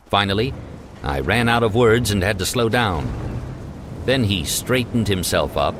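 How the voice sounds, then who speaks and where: A man narrating a self-help story in a measured, earnest way. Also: on the low side, slight background noise.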